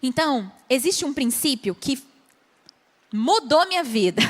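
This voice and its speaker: A Brazilian woman pastor teaching at a conference, animated, acting out short dialogues and asking the audience questions. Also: high-pitched, slow. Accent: Brazilian Portuguese. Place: large conference hall. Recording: long hall reverb.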